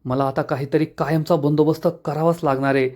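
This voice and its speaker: A man's voice: a little high, level tone, fairly quick, a little mellow, lightly acted. A man voicing an angry scheming woman villain in a retold TV serial, scolding sharply.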